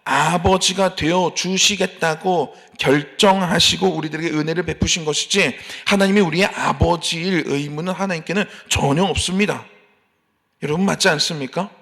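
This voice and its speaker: A man's voice: fairly high pitch, fairly even intonation, normal speed, a bit bright. A man preaching a sermon as pastor at an early morning church service, rising into emphatic appeals and acting out complaining believers. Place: church sanctuary.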